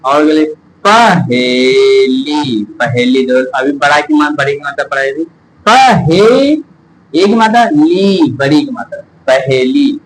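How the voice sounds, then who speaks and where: A man teaching pronunciation, repeating words slowly syllable by syllable. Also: on the high side, animated, slight background noise, rough recording. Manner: drawn-out repetition of words, syllable by syllable. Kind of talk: slow Hindi phonics lesson.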